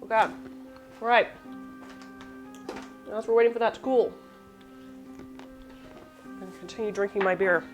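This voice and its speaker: A woman's voice: mid-range voice, fairly even intonation, normal speed, pauses often, soft background music. A woman hosting a casual live cooking demo, rambling and self-deprecating while snacking between steps. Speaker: cooking show host.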